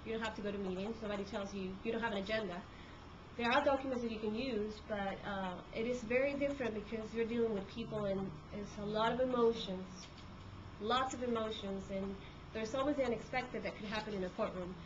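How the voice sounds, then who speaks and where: Her mid-range voice keeps a fairly even intonation at a fairly quick speed as this Peruvian court reporter, a native Spanish speaker with a Peruvian Spanish accent, talks informally to a group with many fillers and restarts. The sound comes from a handheld camcorder and is dull, lo-fi, and noisy with room sound.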